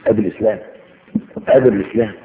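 A man preaching in colloquial Egyptian Arabic, telling anecdotes and reciting verses slowly for emphasis. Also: phone-quality sound. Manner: animated storytelling, swings between loud emphasis and low asides, recites verses slowly.

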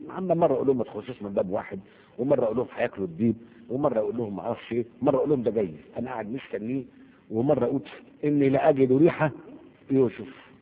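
Egyptian teacher, husky, echoey and tinny. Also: male voice, mid-range voice, rapid-fire. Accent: Egyptian Arabic. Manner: asks the class questions and answers them himself. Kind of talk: Arabic grammar lesson. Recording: echoey hall over a tinny, phone-like line.

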